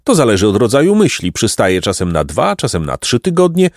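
A man's voice: medium pitch, wildly swooping pitch, fairly quick, a little mellow, dry recording, clean studio sound. A man voicing a pompous, stubborn male donkey who fancies himself a philosopher, in a lofty, ponderous storybook manner. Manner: lofty, ponderous, self-important. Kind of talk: audiobook reading of a children's tale.

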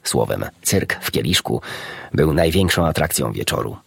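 A man narrating a children's storybook in an expressive, animated reading. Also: rumbling low, moderate pace, gravelly, breathy edge, dry recording, clean studio sound. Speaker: audiobook narrator.

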